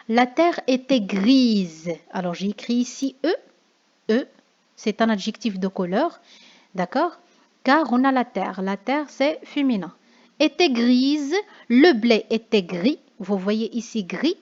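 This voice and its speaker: A woman's voice: fairly high pitch, darkish tone. A woman teacher with a Moroccan accent explaining a lesson, often checking with "d'accord?". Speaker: French teacher. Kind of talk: classroom lesson on figures of speech. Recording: dull lo-fi sound.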